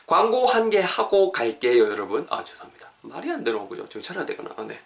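Lively English-teacher host. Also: male voice, on the high side, creaky. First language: Korean. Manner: lively, drills English phrases slowly, repeats words. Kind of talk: casual podcast lesson.

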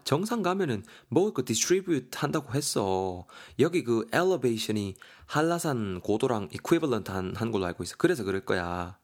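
A man's voice: mid-range voice, husky. A man voicing a worn-out young male hiker who whines, groans and curses under his breath.

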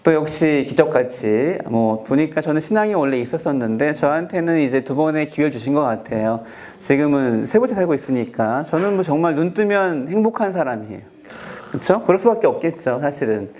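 A man in his forties, a dermatologist guest on a talk show, telling a personal story in a measured, earnest way with many fillers. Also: a little high, lively intonation, a little mellow. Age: 40s.

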